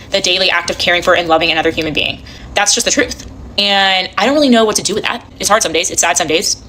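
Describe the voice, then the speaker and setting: A woman's voice: on the low side, sharp tone, slight background noise, low-quality recording. A woman in her late twenties speaking earnestly and reflectively in a confessional vlog. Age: late 20s.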